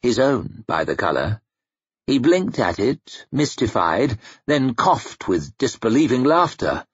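Brief: male narrator, expressive fantasy reading with a husky, lowish voice and lively pitch. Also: slow pace, no echo. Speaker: audiobook narrator. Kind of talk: scripted narration. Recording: dull lo-fi home recording, dry.

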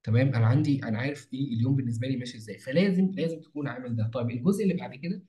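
A young man with an Egyptian Arabic accent talks at a very fast clip in an ordinary mid-range voice. He explains a planning routine step by step like a mentor, piling up fillers, false starts and repeated phrases. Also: medium pitch, dark tone. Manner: rapid, repetitive, with many false starts and stretched fillers. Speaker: marketing mentor. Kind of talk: casual screen-share tutorial.

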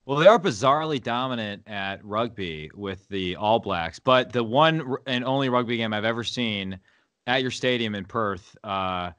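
A man's voice: on the low side, normal speed, a bit bright, clear, resonant tone, no echo. A man from the United States hosting a podcast interview, asking curious questions with a joking touch. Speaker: podcast host. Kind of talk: casual interview chat.

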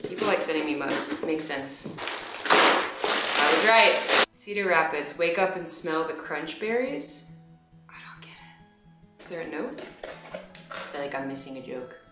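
A woman's voice: low voice, animated, measured pace, pauses often, over loud music. A young woman chatting casually to camera as a vlogger, with a wry, playful manner. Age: young adult. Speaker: vlogger opening fan gifts. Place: small plain indoor room. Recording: echoey small room.

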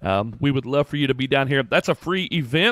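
A man's voice: mid-range voice, expressive, fairly quick, a bit bright, no room sound. A man co-hosting a podcast in casual chat, friendly and rambling as he announces upcoming events. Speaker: podcast co-host.

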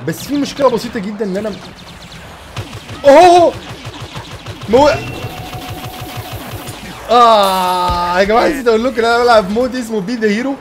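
Fast-talking excitable Egyptian young man. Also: sits high. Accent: Egyptian Arabic. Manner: excitable, gushing, laughs and shouts at the game. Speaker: gaming channel host. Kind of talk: excited gameplay commentary.

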